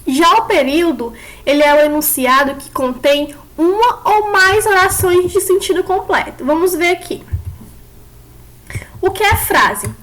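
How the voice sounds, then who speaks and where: Teacher lady, really high voice, walks the kids through it step by step and keeps asking them questions. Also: animated, unhurried, a bit bright. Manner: explains step by step, asks the class questions. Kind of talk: online class lecture.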